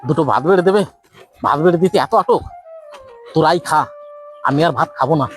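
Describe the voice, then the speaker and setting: A woman voicing a stubborn village husband who gruffly refuses food and scolds his wife. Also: sits low, a little fast, soft background music, voice pushed down, natural voice. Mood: grumbling. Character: sulky stubborn village husband, middle-aged man.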